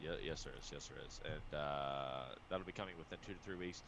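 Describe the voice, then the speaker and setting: A man, a poker streamer and coach, chatting casually and excitedly, swearing often and restarting his sentences. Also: a bass voice, a little fast, a little hiss or hum, rough recording. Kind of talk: casual show chat.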